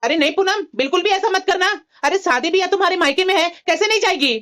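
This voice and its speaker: A woman's voice: very high voice, quick pace, a bit bright. A woman voicing a coaxing cartoon elder sister-in-law. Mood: advising. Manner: advising, coaxing. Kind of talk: cartoon voice acting.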